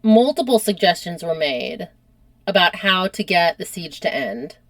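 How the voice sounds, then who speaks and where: A woman's voice: lowish voice, a little slow, no echo. A woman hosting a podcast, chatting casually as she retells a history story and peppering it with "like". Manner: chatty, animated, uses lots of "like". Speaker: podcast host.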